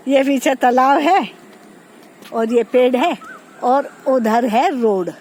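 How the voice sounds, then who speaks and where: Unhurried high-voiced village woman vlogging outdoors. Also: darkish tone, rough recording. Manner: chatty, pointing things out to viewers. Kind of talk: casual walking tour vlog. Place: outdoors on a farm. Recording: faint outdoor noise.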